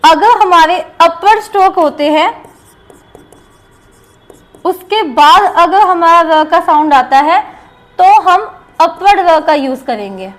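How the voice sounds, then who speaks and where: Indian woman teaching shorthand, high voice, talks real slow and repeats examples. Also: expressive, a bit bright. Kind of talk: explaining a lesson step by step.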